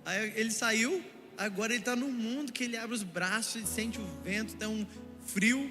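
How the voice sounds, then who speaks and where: A young man from Brazil preaching a sermon, telling stories in an animated way and joking with his congregation. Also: high voice, moderate pace. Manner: animated storytelling, playful asides to the congregation. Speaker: pastor. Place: church auditorium. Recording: echoey church hall with music. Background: music underneath.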